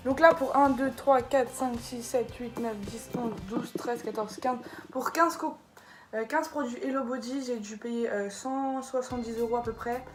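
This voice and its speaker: A woman's voice: a little high, fairly even intonation, moderate pace, over music. A woman chatting casually through an unboxing video, tripping over product names as she shows them. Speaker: beauty vlogger. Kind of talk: casual unboxing haul vlog.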